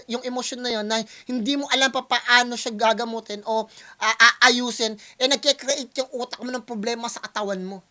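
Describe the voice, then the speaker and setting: A man's voice: very high voice, bright, forceful tone. A man, a music producer, talking casually to his viewers and explaining things step by step at length, often checking in with "di ba?" and mixing English into his Tagalog. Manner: long-winded, explains step by step, often asks "di ba?"; Taglish, switches between Tagalog and English. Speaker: music producer reacting to a rap battle.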